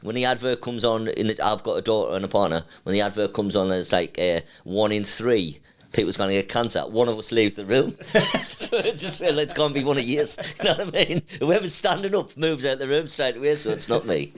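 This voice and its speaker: A man's voice: mid-range voice, expressive, fairly quick, hardly any pauses. A man from Sunderland with a Sunderland accent, hosting a casual interview in a chatty, jokey way with frequent laughs. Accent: Sunderland English. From Sunderland, England. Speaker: podcast host.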